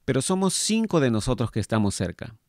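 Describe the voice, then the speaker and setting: A man's voice: medium pitch, big pitch swings, a little fast, darkish tone, no room sound, studio quality, natural voice. A man reading aloud and voicing a vain, jovial male spirit who was once a painter, with a teasing, playful lift in his speech. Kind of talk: read-aloud book dialogue.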